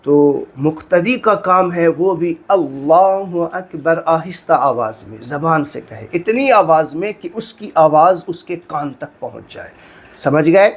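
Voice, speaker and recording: A man's voice: on the high side, measured pace. A man, a religious teacher explaining prayer step by step, earnest and repetitive, often checking that listeners understood. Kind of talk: instructional talk on prayer.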